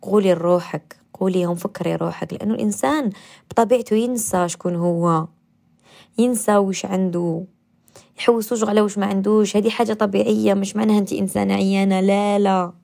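A woman with an Algerian Arabic accent, a radio host leading a guided meditation and self-affirmation talk, gentle and coaxing. She repeats affirmations and sometimes drops to a soft whisper. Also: medium pitch, fairly even intonation, fast, creaky.

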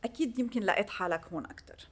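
A woman's voice: medium pitch, rapid-fire, husky. A woman with a Lebanese Arabic accent, interviewing in a conversational style with foreign loanwords mixed in.

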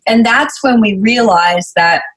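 A woman's voice: a little high, a little slow, a bit bright, low-quality recording. A woman guest in an interview, explaining conflict at work in an articulate, conversational way and acting out quoted emails.

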